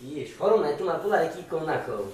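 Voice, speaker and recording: A woman's voice: sits low, lively intonation, fast talker, darkish tone. A woman playing a wheedling young brother-in-law. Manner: wheedling, pleading. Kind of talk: comic village skit acting. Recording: echoey room from far off, faint hiss.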